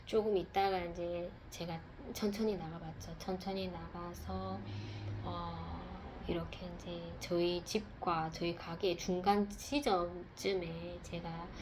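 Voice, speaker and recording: A woman sharing a personal testimony in a casual, reflective way, speaking softly with pauses and fillers. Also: lowish voice, level tone, noisy background.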